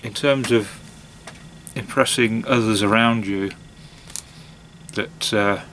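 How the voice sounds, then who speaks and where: A man chatting casually on his own in a hesitant, musing way, with long pauses and trailing phrases. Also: fairly low pitch, fairly even intonation, fairly bright tone, slight background noise. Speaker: pipe-smoking vlogger. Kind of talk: casual monologue to camera.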